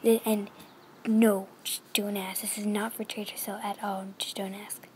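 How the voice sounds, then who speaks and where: A female vlogger unboxing a toy, gushing and excitable, often dropping to a whisper. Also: mid-range voice, moderate pace, slight background noise. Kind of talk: unboxing vlog.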